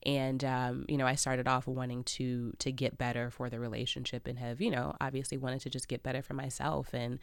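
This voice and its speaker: With an extremely low, level voice and a clean tone free of echo, this Chicago woman talks briskly and hardly pauses. On the podcast she's candid and reflective about her life, laughing her way through tough topics.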